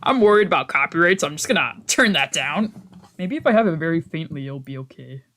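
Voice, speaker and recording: Quick-paced and animated, this man's voice sits on the high side and sounds pushed and bright. He streams a visual novel with casual let's play chatter and read-aloud narration, reacting, swearing, trailing off and often correcting himself.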